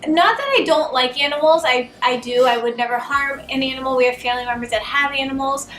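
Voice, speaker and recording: High-voiced, chatty woman with a Boston accent. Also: fast talker, a bit bright, slight background noise. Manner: chatty, rambling, laughs often. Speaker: channel host. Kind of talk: casual couple Q&A chat. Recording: roomy, distant camera sound.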